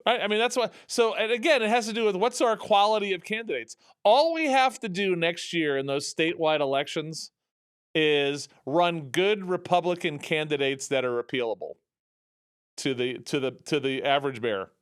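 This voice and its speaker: Talk host, male, high lively voice, sarcastic rambling rant, dry studio sound. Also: moderate pace, clear, resonant tone, dry recording. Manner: animated, rambling, sarcastic, with many restarts. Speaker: radio talk show host. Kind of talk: opinionated political talk.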